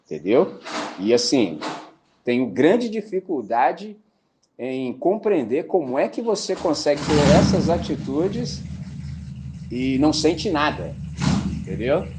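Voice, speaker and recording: A man's voice: fairly high pitch, slow pace, pauses often, very noisy. A man preaching a sermon as a pastor, with a Brazilian Portuguese accent, talking colloquially, often asking "entendeu?" and mimicking voices as he tells stories. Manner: animated storytelling with mimicked voices.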